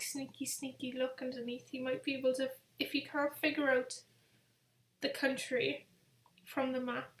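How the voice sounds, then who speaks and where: A tired woman hosting a live-stream quiz, rambling casually and reading each question out slowly, repeating it as she goes. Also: high voice. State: tired, yawning. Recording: echoey room sound.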